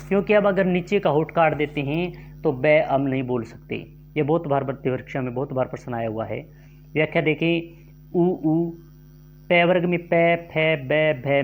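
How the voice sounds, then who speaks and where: A man with a somewhat high voice leads an exam-prep grammar lesson. He reads multiple-choice questions and their options aloud. Then he explains each answer at an unhurried, deliberate pace. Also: slight background noise. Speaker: teacher.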